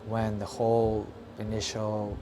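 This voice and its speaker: A young man from Ukraine speaks in a somewhat low voice, telling his personal story with blunt, unpolished frankness. He pauses and restarts often, leaning on fillers and the odd curse. Steady background noise sits clearly under his voice. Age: young adult. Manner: frank, halting, with frequent fillers and swearing. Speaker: vlogger.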